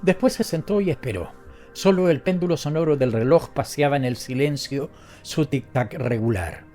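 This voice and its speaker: A man narrating a story as an audiobook reader, in a steady, measured way. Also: on the high side, soft background music.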